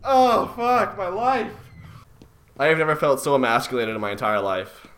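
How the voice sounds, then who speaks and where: A man gives casual commentary on a horror game, jumpy and swearing, yelping when startled and mocking his own fear. His fairly high, somewhat bright voice swoops wildly in pitch at a normal speed.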